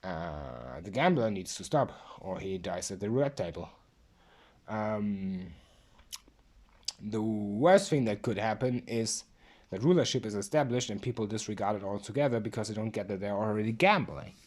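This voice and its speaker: A woman's voice: very deep voice, expressive, normal speed, darkish tone. A woman giving a drunk, rambling philosophical monologue, emphatic and repeating herself.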